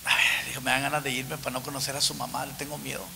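A man's voice: mid-range voice, racing, vocal fry, slight background noise. A man, a comedian telling stories on stage with stammering repeats. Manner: animated storytelling with stammering repeats. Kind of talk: stand-up comedy.

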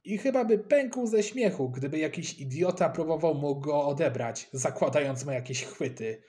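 A man's voice: fairly high pitch, lively intonation, normal speed, mellow, natural voice. A man voicing a schoolboy who proudly scoffs at the others. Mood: scoffing. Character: schoolboy, son of a policeman.

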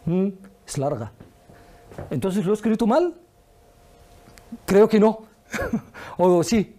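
Lively, patient woman teaching a lesson. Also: medium pitch. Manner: patient, drills words slowly and asks questions. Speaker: Arabic teacher. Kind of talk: one-on-one language lesson.

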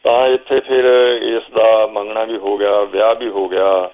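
An older Punjabi man, a guest telling a long story from memory at an unhurried pace, now and then quoting what he told the players. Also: lowish voice, flat delivery. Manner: slow reminiscing storyteller, quotes himself calling instructions. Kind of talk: storytelling interview. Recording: phone-like narrow sound.

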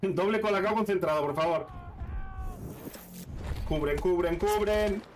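High-voiced Spanish game streamer. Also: male voice, measured pace, distant mic, slight background noise. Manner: excited running commentary with swearing and teasing. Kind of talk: live gameplay commentary.

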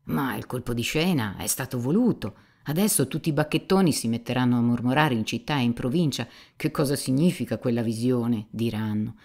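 A woman's voice: rumbling low, animated, fairly quick, hardly any pauses, darkish tone, heavily acted. A woman voicing a cynical, gossipy young male seminarian who mocks and insinuates, in an audiobook reading. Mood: mocking. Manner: mocking, insinuating, talkative.

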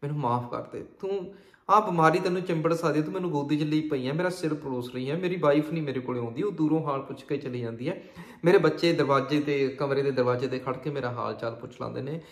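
Son in his late thirties played by the narrator, earnest, fairly high voice, roomy echo. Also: quick pace, lightly acted. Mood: remorseful. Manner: pleading, then irritable and loud.

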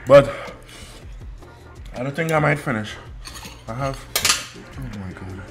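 A man's voice: mid-range voice, lively intonation, slow pace. A young man bantering in slang during a challenge vlog, his mouth burning from spicy food. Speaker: challenge participant. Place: furnished room at home, indoors. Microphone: shared tabletop condenser mic. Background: music, clinking cutlery.

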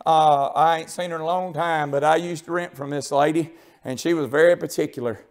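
High-voiced preacher, crying out. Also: male voice, steady tone, a little fast. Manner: rises into shouted, tearful crescendos, then drops to a low confiding tone; homespun storytelling with many fillers. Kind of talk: sermon. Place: church sanctuary.

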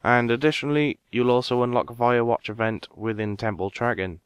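Smooth-voiced man narrating a game walkthrough. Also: mid-range voice, a little fast, dry recording. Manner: relaxed step-by-step instructions, talking straight to viewers. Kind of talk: casual game walkthrough voice-over.

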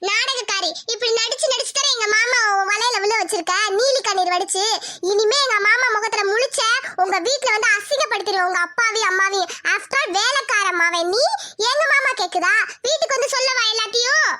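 A woman's voice: extremely high pitch, brisk, bright, forceful tone. A woman voicing a scornful rich village girl. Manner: taunting, threatening, harsh. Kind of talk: cartoon voice acting.

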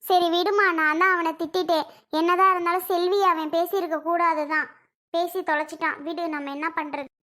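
Fretting mother-in-law, high bright voice doing her. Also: little pitch movement, brisk. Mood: pleading. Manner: pleading, scolding, sighing. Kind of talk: family comedy skit.

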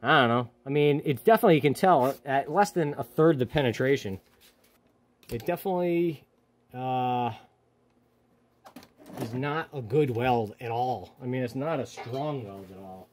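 At a normal speed and medium pitch, a man talks casually while welding in his home garage. He's a hobby welder and channel host whose workshop chatter rambles and keeps correcting itself in an offhand way.

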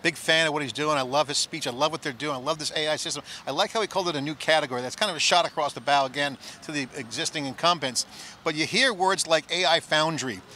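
Brief: middle-aged male tech host, slightly high, crisp bright voice, handheld mic outside. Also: a little hiss or hum. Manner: rapid, enthusiastic, riffing. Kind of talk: on-site analysis chat. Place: outdoor plaza at a conference.

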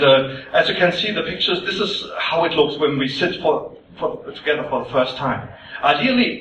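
A man's voice: mid-range voice, fairly bright tone, recorded from a distance, a little hiss or hum. A man speaking English at a convention panel, explaining things with many fillers and restarts. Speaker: panelist presenting the show's process. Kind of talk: conference panel talk. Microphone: recorded from far off. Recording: echoey dull room audio from afar.

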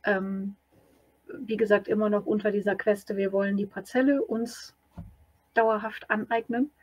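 Woman, patient rule explanation, husky, dry sound. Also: medium pitch, steady tone, a little slow, darkish tone, no room sound. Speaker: player explaining the game rules. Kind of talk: casual game-table explanation.

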